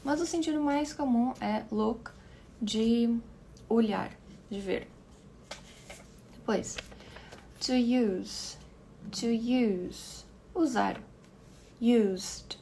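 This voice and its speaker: Slow, patient woman teacher. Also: fairly high pitch, creaky, warm tone, slight background noise. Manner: patient explaining, repeats words slowly for pronunciation; checks in with listeners often. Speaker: English teacher. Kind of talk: online language lesson.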